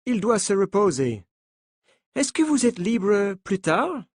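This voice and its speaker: Pushy American sports coach, male, raised pitch, lively and insistent, voiced by a male narrator, dry close sound for a learners' story. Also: takes it slowly, slightly rough, dry recording, full character voice. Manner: insistent, reassuring, controlling. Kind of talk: slow French-lesson story reading.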